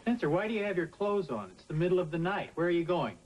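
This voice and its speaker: An actor playing a baffled, gullible middle-aged sitcom dad with an American accent, talking in a puzzled, folksy way. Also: male voice, sits high, lively intonation, fast. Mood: suspicious, puzzled. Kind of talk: sitcom acting. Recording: noisy 1980s TV with loud studio audience.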